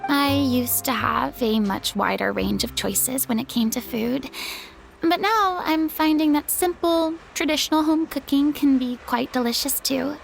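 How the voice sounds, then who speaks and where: An actress voicing a haughty, dramatic retired stage diva in a video game, with theatrical, formal delivery. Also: female voice, high voice, unhurried, gravelly. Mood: haughty, chatty. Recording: background music under clean studio dialogue.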